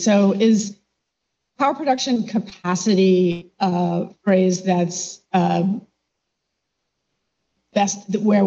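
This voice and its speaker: A woman's voice: medium pitch, warm tone, muffled recording. A woman judge questioning a lawyer in court with pointed, probing questions. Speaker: appellate judge. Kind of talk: questioning counsel in oral argument.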